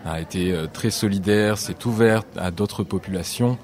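A man, a guest on a radio show, explaining an event in a measured, informative way. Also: lowish voice, a little mellow. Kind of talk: radio interview.

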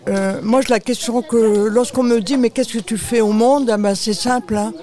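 A French woman appears as an interview guest for an aid charity, explaining spontaneously and emphatically while often addressing the listener directly. Her voice is fairly high and warm, with fairly even intonation and a moderate pace.

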